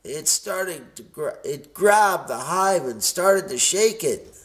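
A man reading a children's picture book aloud in a lively, expressive way. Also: on the high side, takes it slowly. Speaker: storybook reader.

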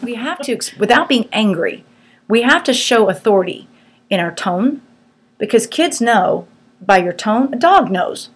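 Middle-aged lady teaching a bible group, firm and conversational, a bit husky. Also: on the high side, big pitch swings, unhurried.

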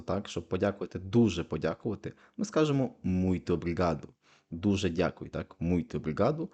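Male tutor, deep mellow voice, patient step-by-step explainer. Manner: patient, repeats each phrase twice with translation. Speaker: language teacher. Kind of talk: explaining Portuguese phrases in Ukrainian.

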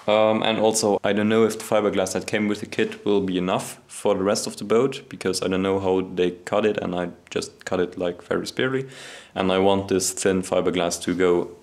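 A young man filming a casual workshop vlog in his home garage, talking in a relaxed, self-deprecating way with lots of fillers, recorded on an action camera. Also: low voice, a little fast. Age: young adult. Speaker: hobby boatbuilder vlogger. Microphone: action camera on body or nearby.

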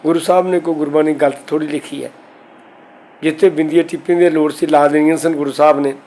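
A man teaching and explaining a scriptural text, who slows down to recite each quoted verse before explaining it. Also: fairly high pitch, fairly even intonation, dark tone, slight background noise. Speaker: Gurbani teacher. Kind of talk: scriptural exposition lesson.

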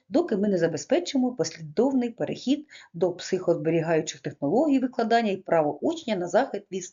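Woman lecturer, earnest and measured, mellow tone. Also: mid-range voice, breathy edge, highs cut off. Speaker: education lecturer. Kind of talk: prepared lecture reading.

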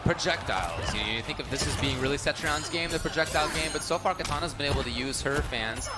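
Animated, fast-talking male esports commentator. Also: on the high side. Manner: animated, stretches exclamations. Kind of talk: live colour commentary of a fighting game. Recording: loud music behind the commentary.

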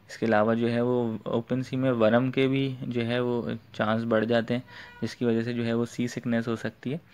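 A fishing tutorial host gives an informal screen walkthrough, explaining things step by step and leaning on repeated filler phrases. His voice is medium-pitched with a clean tone.

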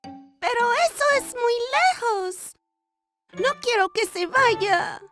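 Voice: very high-pitched, takes it slowly, music in the background. An actor voicing a curious, eager little boy in a children's cartoon dub, with simple, earnest childlike phrasing. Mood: questioning, worried.

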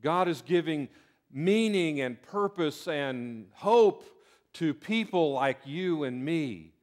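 A man's voice: on the high side, animated, takes it slowly, a little mellow. An older man with a Southern US accent preaching a sermon from a pulpit in a church sanctuary, folksy and earnest, often restarting his words. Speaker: pastor. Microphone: pulpit mic.

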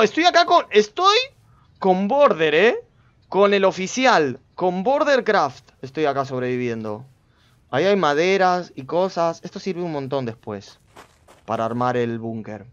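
High-voiced chatty gaming streamer. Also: male voice, highs cut off. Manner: chatty, talks to himself and viewers, sudden loud outbursts. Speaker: gameplay streamer. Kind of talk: casual gameplay commentary.

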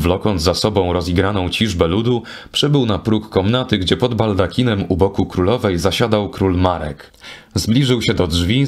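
A man narrating a medieval tale as an audiobook, in a steady storytelling reading. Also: on the low side. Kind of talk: scripted narration.

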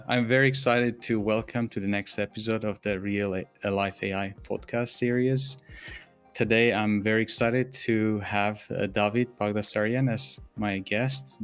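A man in his thirties hosting a podcast over a video call, asking questions with many fillers. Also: fairly low pitch. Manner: warm-up phrasing, many "uh" fillers. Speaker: podcast host. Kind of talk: casual interview hosting.

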